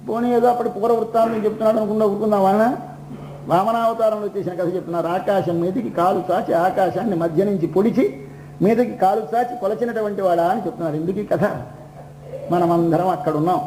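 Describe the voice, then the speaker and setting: A man delivers a devotional discourse in a high, mellow voice. He poses questions and answers them himself, slowing to chant verses. The recording is roomy and echoey, with a faint hum behind him. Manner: asks and answers his own questions. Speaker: religious discourse speaker.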